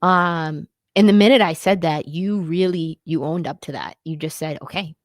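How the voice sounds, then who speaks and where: Low-voiced woman co-hosting a candid chat. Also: moderate pace, no echo, clean studio sound. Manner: reflective, earnest, loose phrasing. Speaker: podcast co-host. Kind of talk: candid casual chat about marriage.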